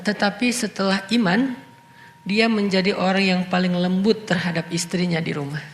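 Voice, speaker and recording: A man giving an Islamic sermon, chanting Arabic hadith lines and then explaining them in lively, casual talk. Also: sits high. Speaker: preacher. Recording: echoey hall reverb.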